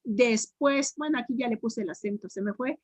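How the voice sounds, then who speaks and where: Mexican lady teacher doing grammar drills, kinda high voice, dry close sound, stretches words out slow. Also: no echo. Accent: Mexican Spanish. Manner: drills students, repeats answers, stretches words slowly syllable by syllable. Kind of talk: online grammar tutoring.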